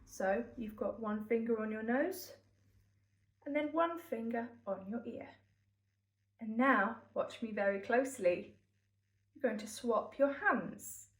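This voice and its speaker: An English woman music teacher giving cheerful, encouraging warm-up instructions to children. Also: fairly high pitch. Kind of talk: children's vocal warm-up lesson. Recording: echoey room, mic at a distance.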